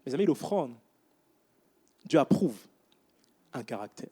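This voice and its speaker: A man's voice: mid-range voice, a little slow, breathy edge. A man in his thirties preaching a sermon in church, telling stories with casual asides to the congregation. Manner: animated storytelling with casual asides.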